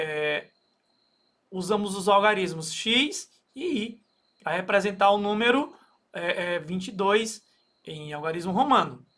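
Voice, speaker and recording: A man's voice: sits high, bright, forceful tone. A Brazilian man teaching a recorded math lesson, explaining step by step with many fillers and frequent "okay?" checks. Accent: Brazilian Portuguese.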